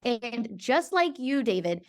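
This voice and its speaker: A woman's voice: on the high side, slow. A woman from Georgia in the US, a podcast guest on a video call, talking emphatically and checking in with her listener as she goes. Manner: emphatic, lively, keeps checking in with "okay?". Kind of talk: casual interview chat.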